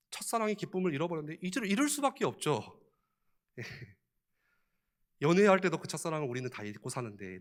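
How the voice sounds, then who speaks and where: With a voice on the high side, a man delivers a church sermon as a pastor, keeping it conversational. He asks his listeners lots of questions and frequently chuckles.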